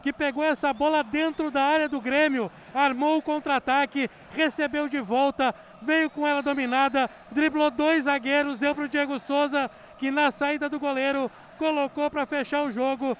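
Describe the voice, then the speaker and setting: A man recapping football goals live in an emphatic, excited way. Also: extremely high pitch, normal speed, hardly any pauses, a little hiss or hum. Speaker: football match reporter. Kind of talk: energetic live goal recap.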